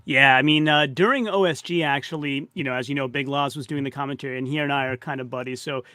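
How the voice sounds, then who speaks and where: A man's voice: medium pitch, steady tone, fast talker, bright, forceful tone, no room sound, studio quality. A man hosting a casual interview over a video call, friendly and rambling. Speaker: podcast host.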